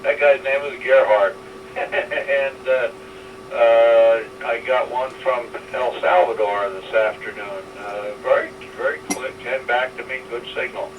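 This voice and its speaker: A man checking in to an amateur radio net, chatting casually and haltingly with many fillers, heard over a two-way radio with static. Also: mid-range voice, fairly even intonation, highs cut off. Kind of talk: casual on-air chat. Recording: distant radio audio with static hiss.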